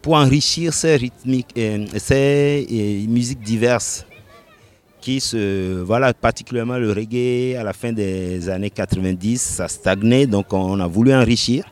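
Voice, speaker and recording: A reggae musician from Benin answers interview questions about his music at an unhurried pace. His voice is medium-pitched, and he pauses often, laughing lightly between thoughts.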